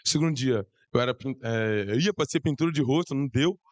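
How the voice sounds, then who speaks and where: A hoarse young man with a Brazilian Portuguese accent, telling a church testimony in an excited, slangy way. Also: medium pitch, a little fast, no room sound. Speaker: church youth member giving testimony. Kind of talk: casual testimony to a congregation.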